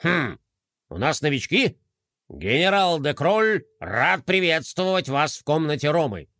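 A man's voice: a little high, big pitch swings, a little slow, bright, forceful tone, no echo, clean studio sound, exaggerated voice. A man doing a pompous toy rabbit general. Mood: commanding. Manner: barking, commanding, scoffing.

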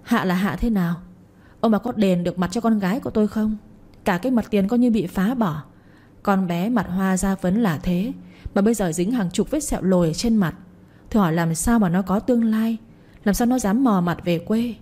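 A woman voicing an older village mother who furiously shouts curses and accusations at her neighbors. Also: medium pitch, normal speed, close to an everyday voice.

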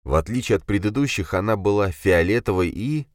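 A man narrating a fantasy audiobook in an expressive, dramatic reading style. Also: fairly low pitch, a little fast, no echo, studio quality. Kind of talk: scripted fiction narration.

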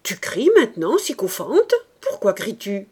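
A woman reading aloud, voicing a gruff, grumbling old male vagabond who rants and hurls grand insults. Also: mid-range voice, sing-song, unhurried, mellow. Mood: loud bluster. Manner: blustering, ranting, grandly insulting. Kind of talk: audiobook character reading.

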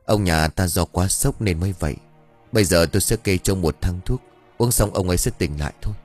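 A man's voice: low-pitched, brisk, a little mellow, faint music behind. Man doing a breathless old village healer. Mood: calm. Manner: panting, grumbling.

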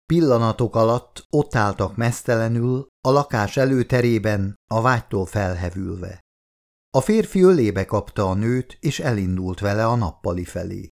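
A man from Hungary reading an audiobook in calm, steady scripted narration. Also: on the low side.

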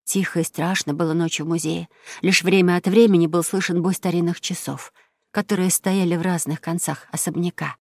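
A woman's voice: low voice, dry recording. Woman telling a children's story, close and dry. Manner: lively storytelling, voicing each character. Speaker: narrator. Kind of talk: children's audiobook narration.

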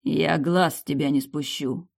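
Woman reader doing a terse brooding nobleman, hushed, slow lines, audiobook. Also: steady tone, gravelly, full character voice. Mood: curt, hushed. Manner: low hushed retorts, slow and clipped. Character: stubborn brooding young nobleman, curt and possessive. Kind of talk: audiobook character reading.

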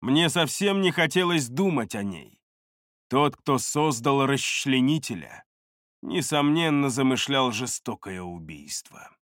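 A man reading first-person fantasy narration for an audiobook, calm and measured, on a close studio mic. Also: mid-range voice, no echo.

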